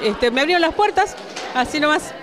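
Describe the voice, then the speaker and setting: A middle-aged woman with a Buenos Aires accent, a ceramics teacher giving unhurried, plain interview answers into a handheld mic in an indoor hall. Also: high-pitched, expressive, crowd noise. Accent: Buenos Aires Spanish. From Buenos Aires, Argentina. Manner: unhurried, plain, with filler pauses. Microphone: handheld reporter mic.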